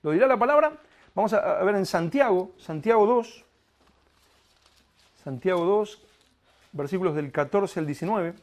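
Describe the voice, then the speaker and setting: High-pitched preacher guy, really swoopy and animated, slows way down on verses. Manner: animated preaching, rhetorical questions, slow emphatic reading of scripture. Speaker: pastor. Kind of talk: sermon.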